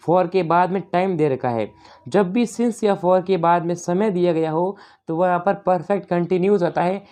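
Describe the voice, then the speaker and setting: A woman online tutor works her way through an exam paper question by question. Her voice sits fairly low, with a warm, relaxed tone. She talks in a loose, chatty way, keeps turning to her viewers, and reads each English question slowly and with care.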